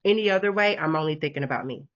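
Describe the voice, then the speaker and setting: A woman sales coach on a video call, talking with lively, encouraging conviction and frequent laughs. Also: deep voice, racing, lo-fi sound. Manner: animated, laughing, preachy encouragement. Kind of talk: casual video call chat.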